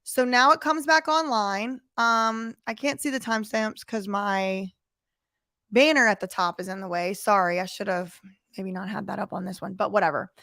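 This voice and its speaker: A woman's voice: medium pitch, moderate pace, vocal fry, pushed and bright, no room sound, studio quality. A woman hosting casual commentary on footage, emphatic and fond of rhetorical questions to her viewers. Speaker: commentary host.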